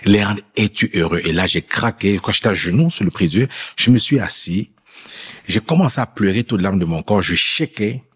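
On the low side and husky yet a bit bright, this man's voice has lively intonation at a normal speed. As an interview guest, the immigrant, who lived in France before Quebec, tells his faith story while acting out pieces of dialogue.

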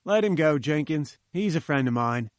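A man's voice: fairly high pitch, animated, moderate pace, dry recording, clean studio sound, lightly acted. A man voicing a confident male journalist who speaks in a breezy, firm way.

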